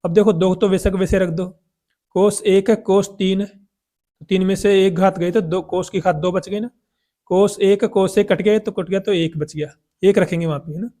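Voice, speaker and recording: A man's voice: sits high, fairly even intonation, normal speed, mellow. A man teaching a math lesson, asking questions and answering them himself.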